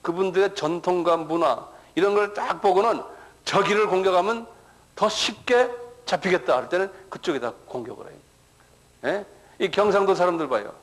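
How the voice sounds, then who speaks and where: High-voiced man preaching a lecture-sermon. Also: expressive, moderate pace, low-quality recording. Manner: keeps asking the audience "예?" and repeats words as he starts. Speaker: pastor. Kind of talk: sermon-style lecture to a congregation.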